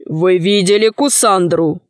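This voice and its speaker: A stern young warrior hero, voiced by a woman reader speaks low and slow, each threat deliberate. Dry, close storybook reading. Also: no echo, close to an everyday voice.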